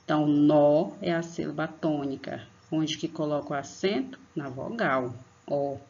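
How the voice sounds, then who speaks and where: A woman teacher with a deep, unhurried voice, touched with vocal fry and a little mellow, gives children a patient online lesson. She stretches out and stresses example words, speaking to her pupils as "tia". The online class audio is dull and lo-fi.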